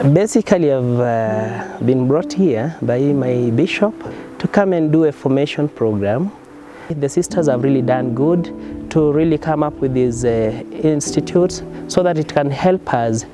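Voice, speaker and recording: A priest giving an interview testimony, pausing often with "uh". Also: male voice, a little high. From Kenya. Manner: hesitant, with frequent "uh" pauses.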